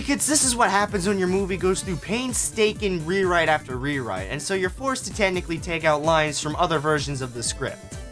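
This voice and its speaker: This is scripted yet casual review commentary from a young film student who hosts video essays. His slightly high voice has a fairly bright tone, and he comes across as sarcastic and profane.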